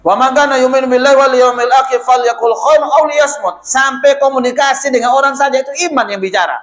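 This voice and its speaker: A man preaching a lively, chatty sermon in a mosque, often addressing listeners directly. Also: extremely high pitch. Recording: echoey mosque hall.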